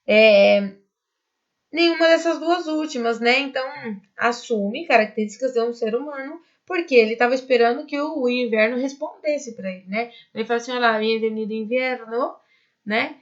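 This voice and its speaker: A Brazilian woman, native in Portuguese, gives a recorded Spanish lesson. Her voice sits fairly high, and she explains step by step, checking with her students as she goes. The sound is dull and lo-fi, like a home recording. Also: normal speed. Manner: explains patiently, often checks with "né?" and "tá?". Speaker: Spanish teacher. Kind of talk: recorded online class.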